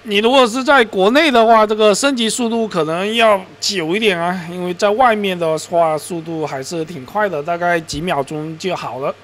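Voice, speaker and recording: His voice sits high and a bit bright, moving at normal speed with few pauses, as he narrates a screen recording of his computer. The man, who hosts gaming and crypto-mining videos, rambles through a casual game video, often correcting himself with mild exasperation.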